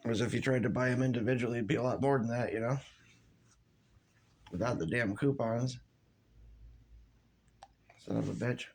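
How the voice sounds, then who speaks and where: A man's voice: mid-range voice, normal speed, gravelly, long pauses, a little mellow, breathy edge. A man ranting casually in a vlog, swearing constantly and rambling with restarts and fillers. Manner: profane, rambling, loose and frustrated. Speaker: vlogger. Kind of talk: casual rant to camera.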